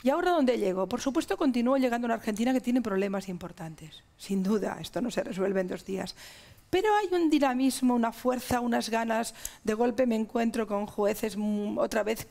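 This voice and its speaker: Middle-aged Spanish-accented woman, TV interview guest, raised pitch, fry in the voice, emphatic and listing. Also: animated, fairly quick, a little mellow. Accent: Spanish (Spain). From Spain. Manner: emphatic, listing ideas in long chains.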